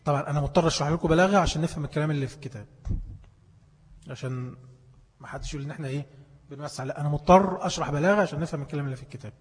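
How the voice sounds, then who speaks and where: A man's voice: fairly high pitch, very fast, long pauses, a little hiss or hum. A male teacher with an Egyptian Arabic accent gives a classroom lesson, firing questions at his listeners and then answering them himself. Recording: long hall reverb.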